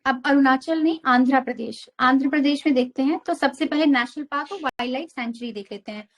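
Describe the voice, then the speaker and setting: Young woman teaching exam geography, high voice, goes through the map bit by bit. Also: a little fast. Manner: explains step by step, mixing English terms into Hindi. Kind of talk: map-based geography lesson.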